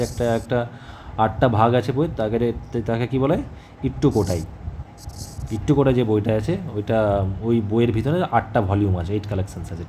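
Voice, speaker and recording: A man's voice: medium pitch, dark tone, a little hiss or hum. Man teaching with frequent check-ins. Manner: conversational, repeats "ঠিক আছে?" as a check-in, many fillers. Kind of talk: exam-prep history lesson.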